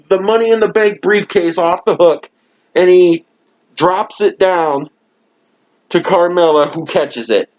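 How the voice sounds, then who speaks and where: A man rants in a fairly high voice, dragging out his words slowly and swearing at almost every turn. He sounds fed up and throws in mocking laughs. The sound is dull and lo-fi, like a cheap mic at home. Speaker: wrestling show reviewer. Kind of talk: profane ranting review. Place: home room.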